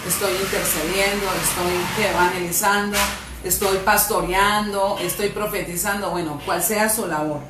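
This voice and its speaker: A woman's voice: medium pitch, steady tone, normal speed, far from the mic, noisy background. Colombian woman preaching in an echoey hall. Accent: Colombian Spanish. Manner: emphatic, rising to loud fervent peaks. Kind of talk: sermon. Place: church hall.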